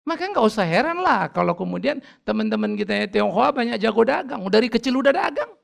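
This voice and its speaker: A middle-aged pastor from North Sumatra, Indonesia, preaches a sermon with a very high, creaky voice at a quick pace. He tells lively, humorous stories and acts out conversations between family members.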